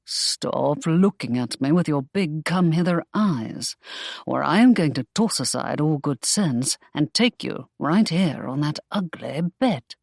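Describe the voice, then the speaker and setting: A protective young nobleman in a romance audiobook, voiced by a woman narrator, pitched well below her own voice. He talks low and tender with a teasing edge. The recording is close and dry. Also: expressive, a little slow, vocal fry, a little mellow, no room sound, heavily acted.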